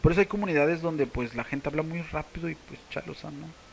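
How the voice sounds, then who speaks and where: A man with a Mexican Spanish accent, teaching a language casually to camera and slowly repeating words for practice. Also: on the high side, vocal fry, slight background noise, poor audio.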